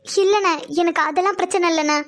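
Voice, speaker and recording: A woman voicing a weary, soft-spoken middle-aged mother in a cartoon, answering hesitantly and quietly. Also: very high voice, fairly even intonation, fast. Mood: subdued. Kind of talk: animated cartoon dialogue.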